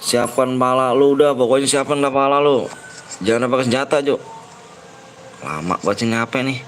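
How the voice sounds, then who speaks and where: A man's voice: medium pitch, moderate pace, a little hiss or hum, rough recording. A young man, giving rowdy, slang-heavy commentary on a live game stream and trash-talking his opponents.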